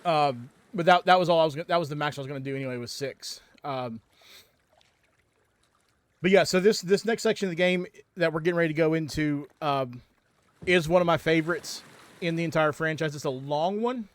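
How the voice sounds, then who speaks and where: A man talks over his livestream through a headset mic, his voice a bit higher than most men's. He rambles loosely, breaking off and restarting sentences and filling gaps with ums, the way a streamer chats between moments of play. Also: fairly quick. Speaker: livestream gamer. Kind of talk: casual stream chat.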